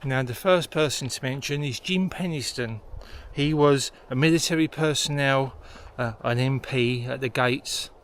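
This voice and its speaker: A man's voice: medium pitch, normal speed, few pauses, fairly bright tone. A man hosting a vlog and explaining things as he goes, recorded outdoors in a forest. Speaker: host. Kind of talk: explanatory vlog narration on location. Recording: noisy outdoor location sound.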